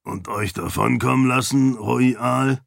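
A man voicing a croaky older uncle in an audiobook, wry and good-humored. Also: medium pitch, steady tone, slow, dry recording, clean studio sound. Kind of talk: audiobook character voice.

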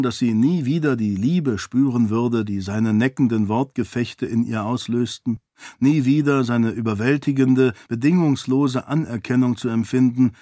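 A man narrating a fantasy novel in calm, even audiobook style. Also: mid-range voice, dry recording, clean studio sound. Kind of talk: scripted narration.

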